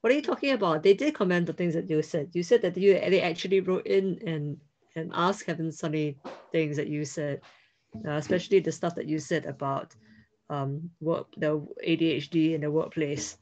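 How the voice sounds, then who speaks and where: A woman's voice: deep voice, moderate pace, darkish tone. A woman co-hosting a casual vlog, bantering in a wry, self-deprecating way. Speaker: vlog co-host. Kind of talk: casual chat.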